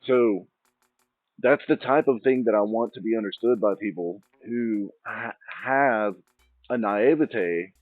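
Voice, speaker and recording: A man with a fairly low voice speaks at a measured pace while hosting his channel, wandering informally and restarting thoughts mid-sentence. The sound is dry, echo-free and tinny like a phone, with faint music underneath.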